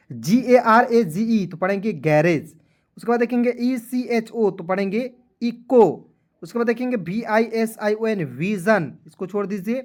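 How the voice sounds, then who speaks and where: A man teaches a video lesson while tired. He spells words out one letter at a time, then pronounces them slowly. He checks in with his viewers often and speaks to them as friends. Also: high-pitched, darkish tone. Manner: keeps addressing viewers as friends, checking "clear?".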